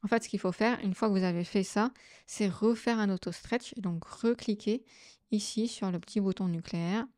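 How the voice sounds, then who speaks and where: A woman hosting a software tutorial, explaining each step casually with frequent fillers. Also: medium pitch, moderate pace, no echo, studio quality. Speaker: astrophotography tutorial host. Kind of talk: screen-recorded software tutorial.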